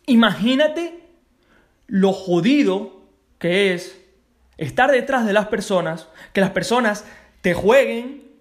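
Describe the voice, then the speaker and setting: A man hosting a network marketing podcast, giving an emphatic motivational monologue and often checking in with "ok?". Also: high-pitched. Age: adult parent. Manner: emphatic, keeps asking "ok?".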